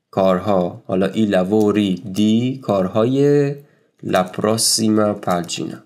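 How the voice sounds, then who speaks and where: A man's voice: on the low side, darkish tone. A man teaching a language in a casual video lesson, explaining step by step and translating each word, with conversational rhetorical questions.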